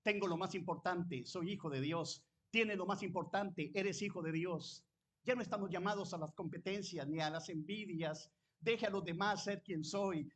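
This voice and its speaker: A man preaching a sermon, fervent, switching between loud exclamations and quiet personal storytelling. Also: high-pitched, normal speed. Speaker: pastor.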